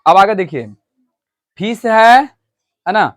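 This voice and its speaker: Male classroom teacher with a high voice, explaining rules patiently and checking in with students often. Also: animated, slow. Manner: explains step by step, often asks students if they understood; switches between loud stressed points and quiet asides to the class. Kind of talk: classroom English grammar lesson.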